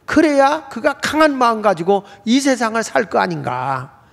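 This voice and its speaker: Brief: preacher playing a gravelly, gruff old man near death, slow and low, echoing hall. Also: very animated, full character voice. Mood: sorrowful. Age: older. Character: dying old man, gruff yet tender. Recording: reverberant church hall.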